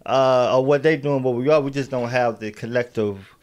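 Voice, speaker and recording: A man's voice: medium pitch, moderate pace, darkish tone, muffled recording. Rambling man in his thirties. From South Carolina. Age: 30s. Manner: rambling, repeats himself, keeps asking "you see what I'm saying". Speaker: podcast host. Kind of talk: casual interview chat.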